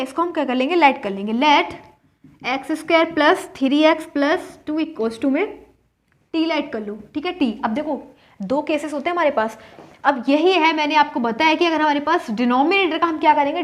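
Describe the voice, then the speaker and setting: A woman teaching a maths lesson step by step, asking and then answering her own questions as she works. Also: high-pitched. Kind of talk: board-work maths lesson.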